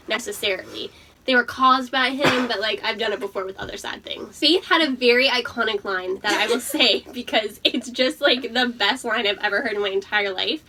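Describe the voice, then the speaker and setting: A young woman with a fairly high, bright voice tells a confessional story among friends. She is giggly and tipsy, swearing freely, and sits a little distant from the mic with faint noise behind her. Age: young adult. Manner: uses profanity freely. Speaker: storytime host.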